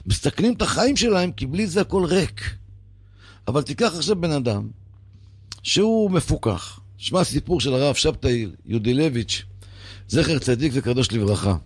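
A man giving an animated religious talk on radio, telling stories with emphatic repetition. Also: fairly high pitch, slightly rough, no echo. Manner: animated, emphatic, repeats for stress. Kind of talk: preaching talk with storytelling.

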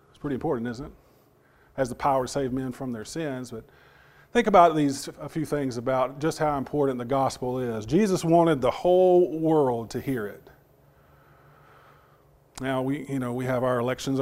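A man is giving a sermon to his congregation while his voice is only partly back, so he speaks haltingly, repeating words and putting questions to the listeners. His pitch sits in the middle and has a slightly mellow quality.

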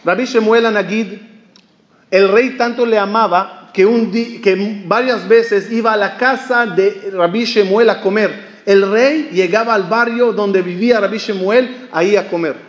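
A male rabbi giving an animated sermon, asking the audience questions and acting out the lines of a story. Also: high-pitched, unhurried. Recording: dull, echoey hall recording.

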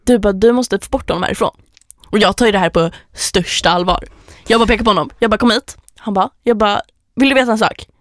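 A young woman co-hosting a podcast, telling stories in a lively way and acting out dialogue. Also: medium pitch, few pauses, no room sound, studio quality. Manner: lively storyteller, acts out dialogue. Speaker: podcast co-host. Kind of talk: casual chat.

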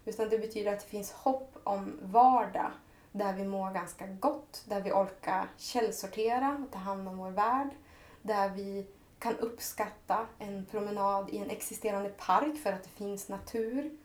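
A woman's voice: mid-range voice, a little mellow, reverberant. A woman talking as a podcast guest in a reflective, earnest way, her thoughts running on in long heartfelt sentences. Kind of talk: reflective personal conversation.

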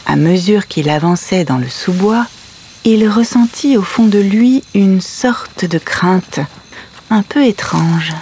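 A woman's voice: mid-range voice, expressive, slow pace, darkish tone, slight background noise. A woman playing a patient, tender mother who tells her children a fairy tale at bedtime. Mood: hushed wonder. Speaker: storyteller. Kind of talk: audio story, bedtime storytelling.

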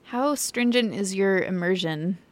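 A woman with an average-pitched voice hosts an interview programme. She speaks as a radio-style interviewer, addressing her guest and her listeners. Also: unhurried. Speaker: interviewer and podcast host.

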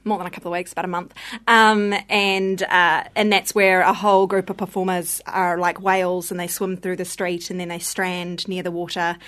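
A woman's voice: fairly low pitch, flat delivery, normal speed, hardly any pauses, fairly bright tone. A woman with a broad New Zealand accent, explaining things informally and a little hesitantly as a guest in a casual interview. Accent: broad New Zealand (Kiwi). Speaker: theatre company performer, interview guest.

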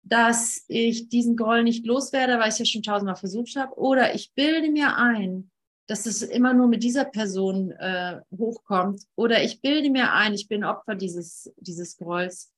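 A woman leading an informal spiritual teaching session, talking earnestly and emphatically, often repeating phrases and pausing. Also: fairly high pitch.

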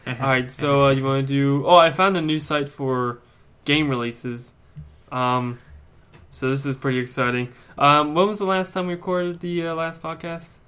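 A man's voice: fairly high pitch, steady tone, normal speed, a bit bright, smooth. A man co-hosting a casual gaming podcast who laughs often and stammers, repeating words as he talks. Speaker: podcast co-host.

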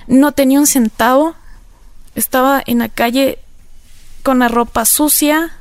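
A woman telling her personal story to an interviewer in an earnest, reflective way, often pausing on filler phrases. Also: sits high, fairly even intonation, no echo. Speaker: interview guest. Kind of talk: personal testimony in conversation.

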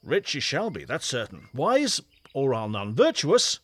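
An actor playing a witty young bachelor soldier who scoffs at love, swinging between mutters and outbursts. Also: male voice, mid-range voice, huge pitch swings, a little slow, no room sound, full character voice. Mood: scoffing. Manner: mocking, mercurial, swinging from muttering to loud outbursts. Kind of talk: stage play performance.

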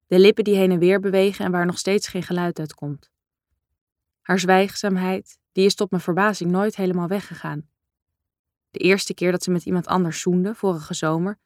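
A woman reading a first-person novel aloud in a calm, measured, introspective way. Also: lowish voice, no room sound, clean studio sound. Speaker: audiobook narrator. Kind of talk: first-person literary narration.

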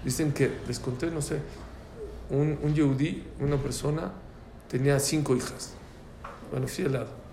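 A man's voice: mid-range voice, moderate pace, pauses often, a little hiss or hum. A man teaching a religious prayer class, telling stories and acting out the voices. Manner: animated, acts out voices in anecdotes. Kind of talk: lively religious class with storytelling. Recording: echoey room with faint ambience.

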